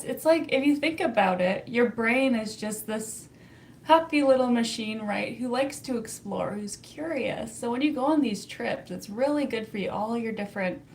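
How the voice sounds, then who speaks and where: A woman's voice: on the high side, darkish tone, slight background noise. A young Canadian woman with a Canadian accent, hosting a casual livestream, chatty and laughing often as she answers viewer comments. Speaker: livestream host reading chat.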